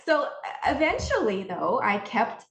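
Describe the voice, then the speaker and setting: Her voice is a little high, sing-song, gravelly and fairly bright, with a measured pace. She is a Hawaiian woman and integrative health practitioner, chatting through her story as a podcast guest, voicing remembered remarks and often restarting. There's roomy echo and faint noise.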